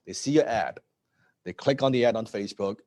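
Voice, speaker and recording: A man in his late thirties giving an energetic live business talk, repeating words and often asking "right?". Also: on the low side, fairly quick, slight background noise. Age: 30s. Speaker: presenter.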